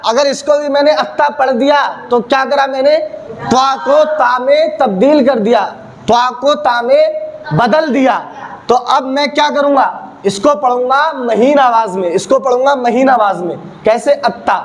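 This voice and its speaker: A man's voice: extremely high pitch, moderate pace. A man teaching Quran recitation, drilling letter sounds by asking questions and answering them himself. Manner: repetitive call-and-response drilling, asks and answers his own questions. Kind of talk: classroom-style teaching video. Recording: noisy background.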